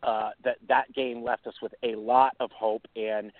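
A man's voice: mid-range voice, level tone, unhurried, no room sound. A man from New York hosting a sports talk show, rambling through picks with many fillers and restarts. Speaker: sports radio host. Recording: dry phone-like line.

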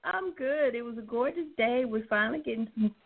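A woman co-hosting in casual chat, with a hoarse, croaky frog voice as if she is losing it. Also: fairly high pitch, animated, a little fast. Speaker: co-host. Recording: tinny phone-line internet radio.

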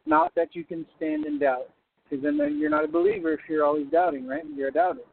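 A man's voice: on the high side, huge pitch swings, a little fast, vocal fry, a little hiss or hum. A man calling in on a buzzy, glitchy phone line that keeps breaking up. He preaches fervently from a moving car and speaks straight to the listener. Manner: fervent, exhorting, addresses the listener directly. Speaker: caller. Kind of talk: prophetic preaching over the phone. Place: driving through the hills. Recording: tinny, breaking-up phone call.

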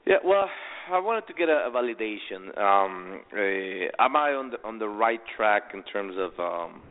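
A man from Miami calling in over a phone line, halting and restarting his words. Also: on the low side, animated. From Miami, United States. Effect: heard over a phone line. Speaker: caller. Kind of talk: call-in chat. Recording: tinny phone line with long reverb.

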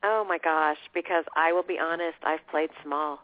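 Female guest coach with a cold, croaky voice, earnest conversational delivery, heard over a narrow telephone line. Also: deep voice, steady tone, normal speed. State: has a cold. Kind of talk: conversational interview. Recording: tinny phone line.

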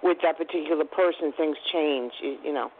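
A woman's voice comes through a thin, tinny phone line as she calls in to a radio program. She talks casually and hesitantly, stopping and restarting her thoughts. The sound is narrow and boxed in, like a telephone call. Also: sits low. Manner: hesitant, halting, trails off mid-sentence. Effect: caller's voice heard over a phone line on the radio. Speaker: radio show caller.

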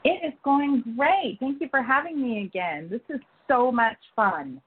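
A woman's voice: high voice, expressive, measured pace, slightly rough. A woman chatting casually as a guest on a phone call from home. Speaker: returning guest. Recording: tinny phone line.

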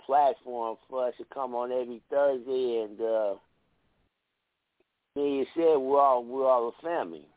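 A man's voice: medium pitch, moderate pace, no room sound. A middle-aged man is heard calling in to a radio show over a thin, tinny phone line. He recites his lines earnestly and chats with small restarts. The sound is dry, with no room around it. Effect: heard over a phone line on a radio call-in show. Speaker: radio show caller and poet.

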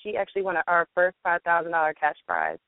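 Over a tinny, dry phone line, a woman from a music platform's marketing team chats in a radio interview. Her voice sits lowish and she talks fast and very animatedly, full of ums and fillers, with no echo.

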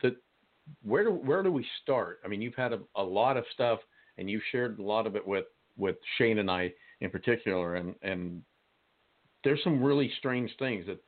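Male host, fairly low voice, halting questions, phone-line sound. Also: lively intonation. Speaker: show host. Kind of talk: casual interview.

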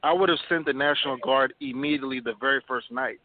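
A man's voice: medium pitch, quick pace, dry recording. Male radio caller, blunt hard-liner; mid-range voice, dry, phone-line quality. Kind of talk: heated call-in debate.

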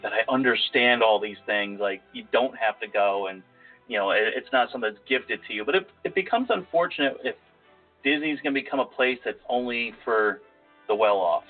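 A man co-hosts a casual podcast, rambling and running himself down in a nasal, mid-range voice at a brisk pace. The audio is lo-fi and phone-like, with faint music.

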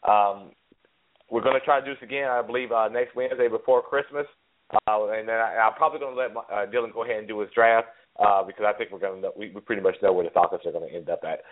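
A man with a head cold and a stuffy voice, hosting a casual sports podcast. He talks in a relaxed way, laughs easily and often repeats his words. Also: on the low side, fast. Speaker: podcast host. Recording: phone-line audio.

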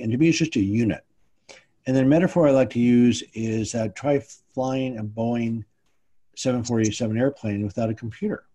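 Husky-voiced male surgeon host. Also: medium pitch, dark tone. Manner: attentive listener, brief affirmations, then explanatory. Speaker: spine surgeon, podcast host. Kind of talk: interview conversation.

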